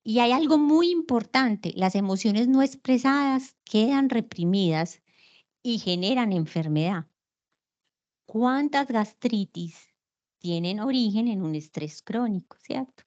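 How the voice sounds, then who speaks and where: A woman's voice: fairly high pitch, lively intonation, a little slow, darkish tone, muffled recording. A woman giving an online lecture, explaining patiently and asking rhetorical questions.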